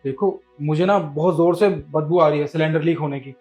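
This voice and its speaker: A man's voice: a little high, normal speed, a little mellow, faint music behind, lightly acted. An actor playing a husband who accuses his wife of hiding a lover, in melodramatic short-film style. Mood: suspicious. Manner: accusing, indignant. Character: husband Nikhil, confronting a cheating wife.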